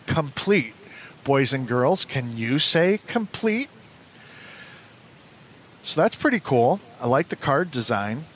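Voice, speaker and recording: A man hosting a trading card box-opening show, presenting products and chatting casually. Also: fairly bright tone. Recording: noisy, with low rumble.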